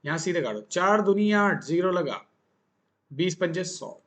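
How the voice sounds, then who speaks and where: A man's voice: high voice, lively intonation, unhurried. A male maths teacher giving a casual, chatty lesson, joking and asking the class questions as he works.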